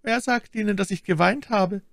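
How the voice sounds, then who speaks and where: Scheming seductive noblewoman, put on by a male audiobook reader: high, lively, imperious. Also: moderate pace, gravelly, no echo, studio quality. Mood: coaxing. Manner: coaxing, imperious. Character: cunning seductive noblewoman, vengeful and commanding. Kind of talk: audiobook character voice.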